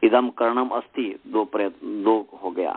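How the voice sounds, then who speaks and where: A man who is a Sanskrit teacher and priest, giving a recorded lesson on pronunciation. He explains slowly and repeats and acts out each fault. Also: fairly low pitch. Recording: tinny phone-like recording.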